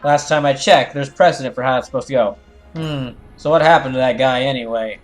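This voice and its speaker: A man with a medium-pitched voice talks briskly over soft background music. He's a streamer hosting a live fandub, chatting casually with viewers, reading game dialogue, and explaining things in a rambling way that often restarts mid-sentence.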